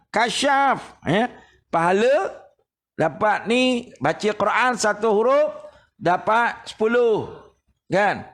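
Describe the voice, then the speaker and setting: A middle-aged man with a Malaysian Malay accent giving a morning religious lecture, telling stories animatedly and acting out his old teacher's scolding. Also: high-pitched.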